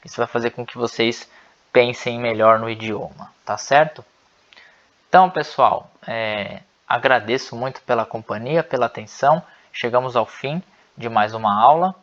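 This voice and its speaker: A man's voice: mid-range voice, a bit bright, highs cut off. A man teaching an online language lesson, explaining patiently and often checking in with his viewers. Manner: slow, patient explaining with frequent "né?" and "pessoal".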